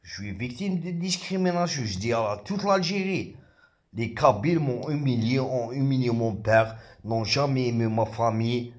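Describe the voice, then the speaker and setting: A man's voice: medium pitch, animated. Agitated man ranting, voice jumping up. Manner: agitated, confrontational, voice jumping up when heated; halting, repeats words and restarts. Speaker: rapper. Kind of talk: ranting monologue to camera.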